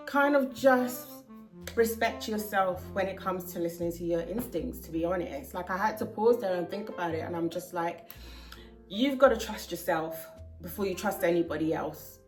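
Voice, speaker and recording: A young woman vlogging to camera, earnestly sharing heartfelt advice with casual fillers. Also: on the low side. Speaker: hair vlogger. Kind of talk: casual talking-to-camera vlog.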